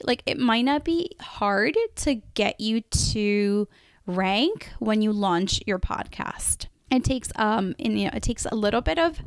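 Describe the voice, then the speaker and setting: Woman, podcast host, solo monologue, chatty, lots of fillers, slightly high voice, dry close recording. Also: smooth, no room sound. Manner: chatty and conversational, with many fillers like "like" and "right?".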